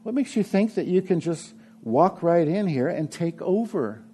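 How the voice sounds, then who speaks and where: A man's voice: high voice, animated, normal speed, warm tone, breathy edge, pitched above the performer's own voice. A man voicing a timid, put-upon young cartoon boy. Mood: indignant.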